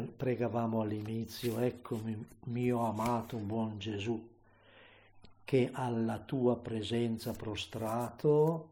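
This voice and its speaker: Male priest, unhurried sermon delivery, dark timbre, rises to impassioned emphasis. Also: on the low side, gravelly. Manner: often adds tag questions.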